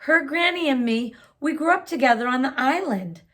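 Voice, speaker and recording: A woman's voice: sits high, lively intonation, moderate pace, a bit bright, voice pushed up. A woman reading aloud, voicing a firm, loving elderly grandmother in a children's storybook. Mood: reassuring.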